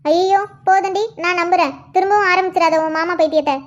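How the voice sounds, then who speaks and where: A woman's voice: very high-pitched, fairly even intonation, quick pace, muffled recording. A woman voicing a teasing, bossy older sister in a cartoon, with a scolding manner.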